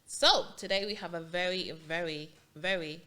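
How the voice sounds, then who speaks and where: A woman's voice: lowish voice, moderate pace, pushed and bright. A woman hosting an interview podcast, chatty and upbeat, who repeats words for emphasis and asks open questions. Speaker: host.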